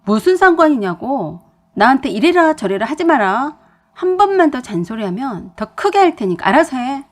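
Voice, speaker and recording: A woman voicing an angry, domineering husband who scolds loudly in a story reading. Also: a little high, sing-song, moderate pace, breathy edge. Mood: angry shouting. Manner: loud and scolding.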